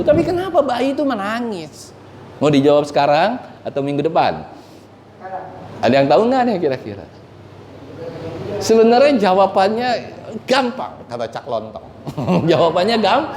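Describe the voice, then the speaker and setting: A man's voice: on the high side, a little mellow, a little hiss or hum. A male pastor preaching a conversational sermon, quizzing the congregation and joking with them. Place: church. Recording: echoey church hall.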